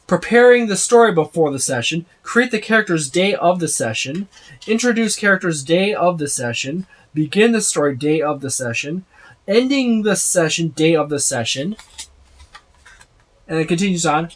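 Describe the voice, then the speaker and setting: A tabletop game book reviewer with a mid-range, expressive voice talks at a normal speed. They give a casual, unscripted overview of a rulebook, rambling and repeating points for emphasis as they go down the list.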